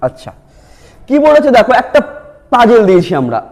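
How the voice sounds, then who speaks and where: A man's voice: extremely high pitch, huge pitch swings, a little fast, darkish tone. A male teacher, explaining reasoning exam questions and answering his own questions. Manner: asks questions, then answers them himself.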